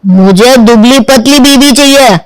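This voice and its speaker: A stubborn chubby young dude in a cartoon, high voice, whiny, dry sound. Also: male voice, measured pace, smooth, no room sound, rough recording. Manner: whiny, argumentative. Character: stubborn chubby young man seeking bride. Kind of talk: Hindi cartoon dubbing.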